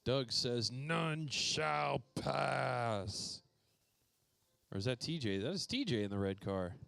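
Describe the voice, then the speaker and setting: A man's voice: lowish voice, big pitch swings, fairly quick, no echo. A man doing playful live commentary at an indoor RC racetrack, calling out drivers by name. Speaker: RC race announcer.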